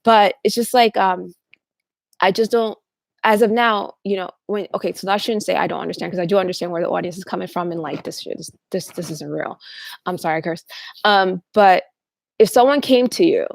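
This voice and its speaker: A woman with a gravelly, fry-laden voice talks in a rambling, casual monologue and often restarts her sentences. The recording is dry and close, with no room sound. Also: on the low side, a little fast, no room sound. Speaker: channel host.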